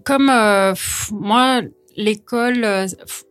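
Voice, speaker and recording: A woman in her thirties from France talks through her career as a guest. Her speech is casual and full of fillers and restarts, at a middle pitch. She laughs easily between thoughts. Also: slow pace, clear, resonant tone. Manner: chatty, hesitant with many fillers, laughs easily. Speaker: interview guest, actress. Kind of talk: casual conversational interview.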